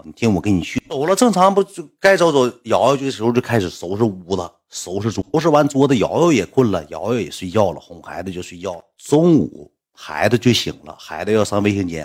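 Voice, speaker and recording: A man's voice: mid-range voice, darkish tone, breathy edge. A man with a Northeastern Mandarin accent telling a funny anecdote in a rambling, repetitive, colloquial way with some swearing. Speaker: storyteller. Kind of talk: casual anecdote storytelling.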